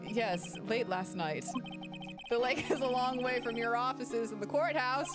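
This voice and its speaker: A woman's voice: a little high, a little slow, natural voice. A woman voicing an arrogant young male prosecutor from a video game, cold and dismissive. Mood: cold, condescending. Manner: haughty, dismissive. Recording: game music underneath.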